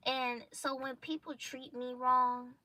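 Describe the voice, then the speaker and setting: Young woman vlogger, slightly high, bright edge to the voice, blunt preachy delivery. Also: flat delivery, slow. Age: young adult. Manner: emphatic, preachy, blunt slang. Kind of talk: casual motivational monologue.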